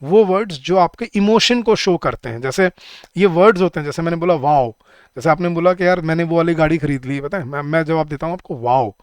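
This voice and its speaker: A man's voice: on the high side, quick pace, clean tone, no echo, studio quality. Man teaching an English class, chatty. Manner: chatty, asks the class questions and answers them himself. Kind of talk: online exam-prep lecture.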